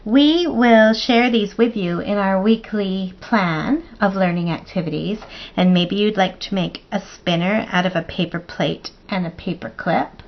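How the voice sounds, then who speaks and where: Woman teacher doing storytime for kids, playful and expressive, kinda dull lo-fi sound. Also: mid-range voice, a little slow, hardly any pauses. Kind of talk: reading a picture book aloud to children.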